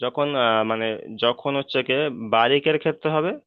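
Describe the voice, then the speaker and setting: A man's voice: medium pitch, moderate pace, smooth, no room sound. A man teaching Quran reading in an online lesson, explaining rules patiently and over again, and drawing out the chanted example words. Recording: dry, phone-like call audio.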